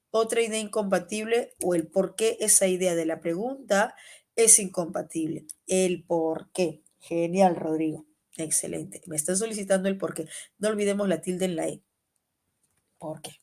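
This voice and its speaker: Gravelly-voiced Peruvian woman teaching a class. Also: mid-range voice. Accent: Peruvian Spanish. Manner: lively, calls students by name, asks and answers questions. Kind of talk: online exam-prep class.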